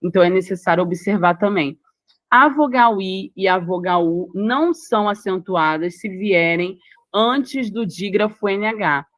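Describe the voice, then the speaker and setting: A Brazilian woman teaches grammar for exams in a patient, explanatory way, repeating example words and checking in with her listeners. Her voice sits at an ordinary pitch and is recorded close and dry, with no room sound. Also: unhurried, no room sound. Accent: Brazilian Portuguese. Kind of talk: recorded grammar lesson for exam prep.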